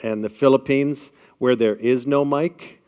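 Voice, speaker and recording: Leading a crowd in an icebreaker at a live event, this man from the Midwestern United States speaks through a microphone in a big, booming voice with a clean tone. He's a little slow but energetic and upbeat, rallying the group and checking in often with "all right?"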